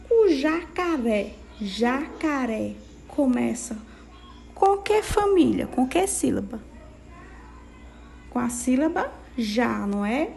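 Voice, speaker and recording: Patient Brazilian teacher woman, slow and gravelly. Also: sits high, dark tone, slight background noise. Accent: Brazilian Portuguese. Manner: patient, sing-song, checks in with "tá bom?". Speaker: primary school teacher. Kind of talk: slow, clear dictation to young children.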